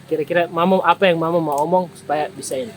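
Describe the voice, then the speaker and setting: Male interviewer, East Nusa Tenggara accent, measured, outdoor field recording, faint noise. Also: fairly high pitch, fairly even intonation. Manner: measured questions with frequent hums.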